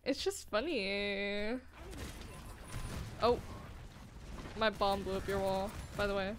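A young woman streaming a shooter game, chatting casually, swearing and getting excited about plays. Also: medium pitch, slow, a little hiss or hum. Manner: excitable, swears, laughs and gasps often. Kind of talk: casual gaming chat.

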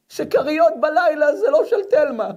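A rabbi preaching a fiery sermon to a live crowd. His voice is high for a man, and he swings from shouting to quiet, biting sarcasm. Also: dull audio. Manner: addresses the crowd directly. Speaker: rabbi giving a public lecture. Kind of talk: impassioned sermon.

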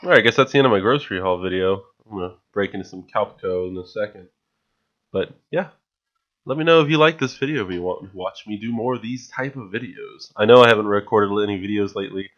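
With a fairly low, slightly bright voice and a quick pace, a young vlogger eagerly presents his grocery haul, chatting casually and frequently restarting with fillers. He's in a small room at home, speaking into a stand-mounted studio mic with headphones on, and the recording is muffled.

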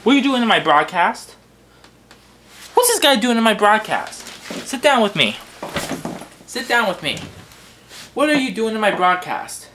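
A laid-back, playful buddy drawls in a put-on Jamaican patois, as a young man acts him out in a comedy vlog. The voice sits high and the words come slow and sing-song. It sounds like a loose homemade skit. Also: a little hiss or hum. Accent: Jamaican-style patois, put on.

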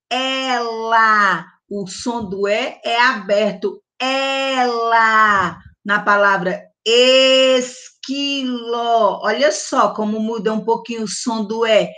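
A woman teaching young children their vowels, speaking slowly and deliberately. She stretches and stresses each vowel sound and keeps checking that the little ones follow along. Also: mid-range voice, bright, forceful tone. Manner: slow, drawn-out enunciation with diminutives and check-ins. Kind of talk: early-literacy vowel lesson for young children. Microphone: close mic, online class recording.

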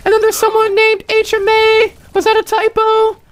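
Very high-pitched, excitable male game streamer. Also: normal speed. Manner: excitable, shouting. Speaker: streamer playing an online shooter. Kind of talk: casual game commentary.

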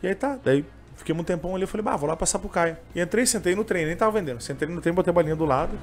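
Soft music plays behind a young man whose high-pitched, expressive voice races along in a gaúcho Portuguese accent. As an interviewee who sells on trains and sings, he tells his story casually, emotionally and with many fillers, wandering as he goes.

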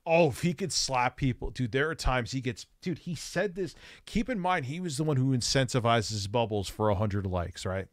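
A man talks over clips in a live stream, swearing freely and laughing as he mocks what he sees. His voice sits at an ordinary pitch and sounds close and dry, with almost no room sound. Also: animated, moderate pace, hardly any pauses, no room sound. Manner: profane, mocking, laughs often. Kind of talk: casual reaction commentary.

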